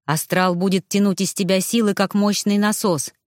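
A woman voicing a stern male ghost medium who speaks slowly and instructively in an audiobook. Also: medium pitch, fairly even intonation, darkish tone, no echo, clean studio sound, natural voice. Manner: slow, drawn-out, instructive.

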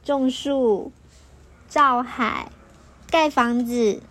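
High-voiced woman reading a storybook slowly. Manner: slow, lilting, expressive read-aloud voice. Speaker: parent reading aloud to a child.

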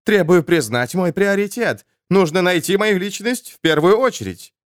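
Man playing puffed-up lord; raised pitch. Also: animated, moderate pace, no echo, studio quality. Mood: haughty. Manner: pompous. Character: pompous indignant male noble.

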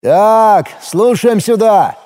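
A man voicing a rough, domineering gang leader who barks orders in an audiobook. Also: sits high, big pitch swings, a little slow, mellow, pitched above the performer's own voice. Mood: commanding. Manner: barking, crude, domineering. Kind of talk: audiobook character voice.

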